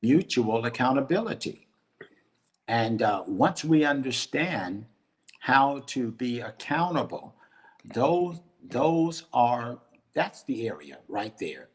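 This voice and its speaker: An older male bishop teaching in conversation with a plain mid-range voice. He talks at a measured pace and restarts phrases as he thinks. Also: mid-range voice, sing-song. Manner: measured, repeats words as he thinks. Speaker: bishop and guest.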